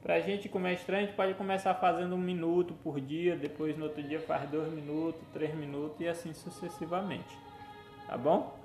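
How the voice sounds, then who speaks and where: A man preaching a teaching sermon, gently instructive and often checking in with his listeners. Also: a little high, fairly even intonation, normal speed. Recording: echoey room with faint music.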